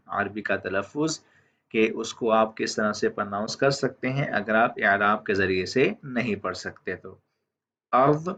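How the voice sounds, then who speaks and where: A man teaching vocabulary, who says each word and then says it again slowly, often checking in with "theek hai". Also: fairly low pitch, a bit bright. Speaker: language teacher. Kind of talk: slow vocabulary lesson. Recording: dull lo-fi audio.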